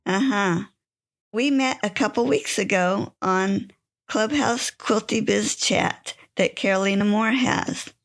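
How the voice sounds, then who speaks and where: A woman's voice: mid-range voice, takes it slowly. A woman hosting a podcast, reading a scripted introduction and then asking interview questions with enthusiasm. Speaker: podcast host.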